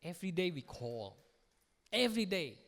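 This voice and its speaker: A male pastor preaching slowly and playfully, mixing English phrases into his message. His words carry a long reverb from a church hall, and his delivery is animated. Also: high voice. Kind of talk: sermon.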